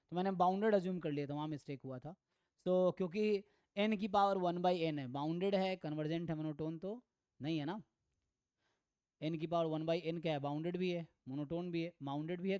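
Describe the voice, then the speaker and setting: Male math tutor, clear tone, dry close recording, thinks out loud and reads theorems slowly. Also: a little high, no room sound. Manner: thinks aloud, mixes Hindi with English terms. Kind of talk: online exam-prep lecture.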